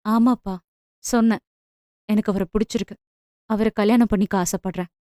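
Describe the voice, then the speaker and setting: A woman voicing a gentle but firm young daughter who speaks softly and earnestly to her father. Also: mid-range voice, fairly even intonation, normal speed, dry recording, clean studio sound, close to an everyday voice.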